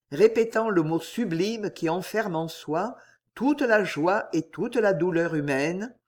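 Slow, solemn male audiobook narrator. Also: high-pitched. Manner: slow, solemn, expressive reading.

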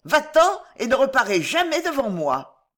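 Reader doing a young female singer, distraught, tearful, high-pitched. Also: big pitch swings, a little slow. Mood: furious. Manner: pleading, tearful, then furious.

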